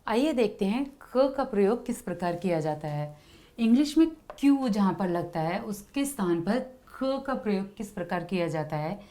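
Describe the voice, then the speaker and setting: A woman teaching young children, explaining slowly and patiently, repeating letter sounds and pausing on fillers. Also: mid-range voice, a little mellow. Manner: frequent hesitation fillers. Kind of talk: Hindi lesson for children.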